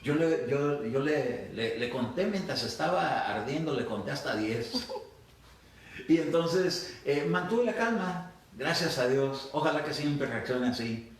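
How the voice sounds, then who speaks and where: A man's voice: a little high, expressive, measured pace, a little hiss or hum. Spanish-speaking male pastor in echoey hall. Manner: storytelling with hesitant restarts and quoted dialogue. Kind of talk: sermon. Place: church hall. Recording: echoey hall, distant mic.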